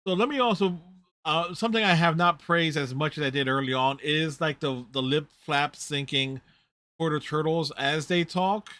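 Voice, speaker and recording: A man's voice: fairly high pitch, fairly even intonation, moderate pace, sharp tone, no room sound, clean studio sound. A man hosting a reaction video, giving casual, rambling, conversational running commentary on a TV show.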